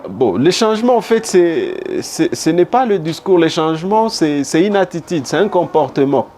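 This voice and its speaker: This Congolese man, a politician with a humanitarian background, gives a broadcast interview in a fairly high, slightly mellow voice with big pitch swings and moderate pace. He is emphatic, using repetition as a rhetorical device, and speaks with a Congolese accent over background noise and room ambience.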